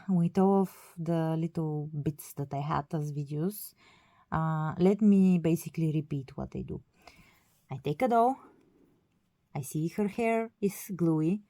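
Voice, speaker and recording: A doll collector whose first language isn't English casually walks through a hobby process, hesitating often with fillers and self-corrections. Her voice is fairly low and dark, recorded at studio quality with no echo.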